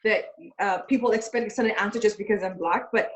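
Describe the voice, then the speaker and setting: A woman from Zimbabwe, speaking as a webinar panelist over a video call in a measured, candid way with a few pauses. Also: mid-range voice, lo-fi sound. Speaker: panelist, aerospace professional. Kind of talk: casual chat.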